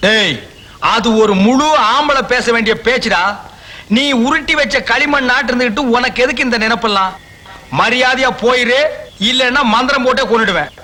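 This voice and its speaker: A man's voice: very high-pitched, moderate pace, bright, forceful tone, a little hiss or hum. An actor playing a scornful village holy man who scolds and threatens in a film comedy. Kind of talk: 1980s film comedy acting.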